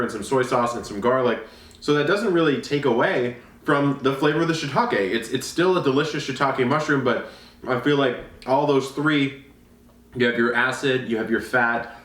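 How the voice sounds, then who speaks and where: A man's voice: medium pitch, a bit bright, recorded from a distance. Chatty man in an echoey room. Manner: easygoing and chatty, tasting food. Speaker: gardening channel host. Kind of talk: casual on-camera chat.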